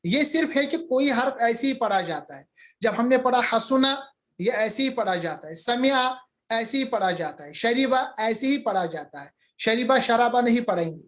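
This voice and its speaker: A man's voice: extremely high pitch, expressive, moderate pace, a bit bright. A male teacher giving an online grammar lecture, patiently repeating examples and answering student questions.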